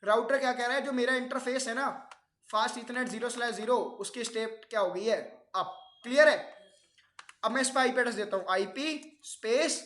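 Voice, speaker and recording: A man's voice: very high-pitched, fairly quick, fairly bright tone, roomy sound. A man teaching a networking class, explaining step by step and often quizzing his students with questions. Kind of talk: classroom lecture.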